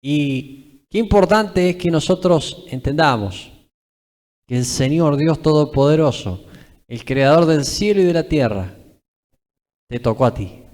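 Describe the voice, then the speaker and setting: Preaching at a live church service, a young Argentine-accented man speaks emphatically and repetitively, frequently ending phrases with "¿eh?". His voice is fairly high and darkish, animated yet unhurried with many pauses, echoing through a reverberant church hall.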